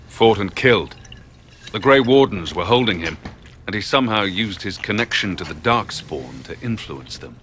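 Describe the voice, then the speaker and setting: Weary game hero, very low bright forceful voice, grave and determined, bit of ambience behind. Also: male voice, animated, moderate pace, slight background noise. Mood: troubled. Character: weary, resolute male champion turned rebel mage hero. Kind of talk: video game dialogue acting.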